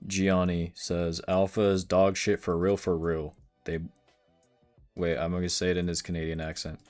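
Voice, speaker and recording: A man's voice: low-pitched, level tone, moderate pace, darkish tone, faint music behind. A man streaming live day trading, casually explaining charts and answering questions from chat.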